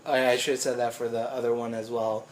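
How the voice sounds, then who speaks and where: A man's voice: medium pitch, little pitch movement, fast, a little hiss or hum. A young man co-hosting a casual chat about games, rambling, swearing freely and laughing often. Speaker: co-host.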